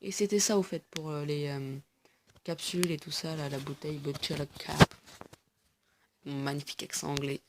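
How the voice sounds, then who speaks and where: A woman's voice: low-pitched, fairly even intonation, brisk, background noise. A woman giving casual gameplay commentary, chatty and explaining things to viewers with lots of fillers. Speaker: gaming video host.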